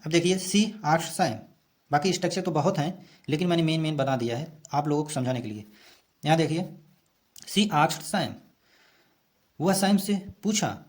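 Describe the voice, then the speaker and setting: A man's voice: fairly high pitch, lively intonation. Hindi-speaking man teaching English grammar. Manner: explains slowly, repeats each phrase, reads English lines aloud then translates. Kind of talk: bilingual grammar lesson.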